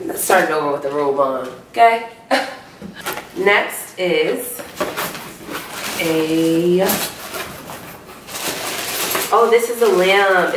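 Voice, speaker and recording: Unboxing gifts in a home room she is moving into, a young vlogger chats casually in a fairly low voice, bubbly, slangy and heavy on "like" fillers. She sometimes sounds out of breath. Background noise is present, and the distant camera mic catches the echo of the empty room.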